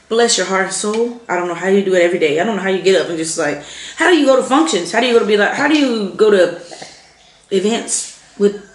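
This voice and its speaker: Young woman, vlogger, casual storytelling, exasperated, mid-pitched, echoey room. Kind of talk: casual storytelling while eating. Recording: echoey room with faint noise.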